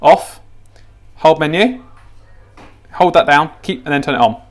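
A man with a slightly high voice talks unhurriedly while presenting a gadget how-to at a tiled kitchen counter indoors. The hands-on tutorial is casual and unscripted, and he repeats himself and thinks aloud as he works.

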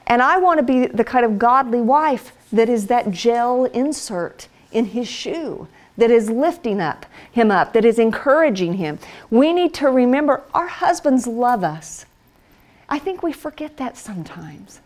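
A woman's voice: on the high side, lively intonation, unhurried. A middle-aged woman giving a conversational church teaching to other wives, chatty and down-to-earth, slipping into everyday voices. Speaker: speaker at a women's Bible study.

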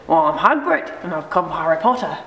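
A woman's voice: deep voice, very animated, fairly quick, fairly bright tone, echoey room, poor audio. A woman voicing a friendly, blunt giant man in an amateur parody film. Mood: hearty. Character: friendly giant man bringing news to a boy wizard.

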